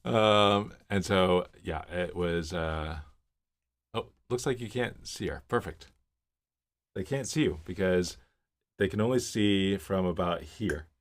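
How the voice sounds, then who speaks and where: The speaker is a man in his fifties, originally from Miami, Florida, running a casual livestream from his home office. He reads viewer comments and wanders into rambling, filler-heavy stories, his low voice taking things slowly.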